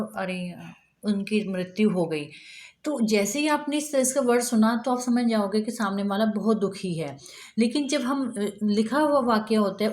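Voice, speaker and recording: Female teacher, slightly high voice, patient step-by-step grammar explainer, roomy echo. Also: darkish tone. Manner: explains step by step with spoken examples. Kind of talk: grammar lesson for students.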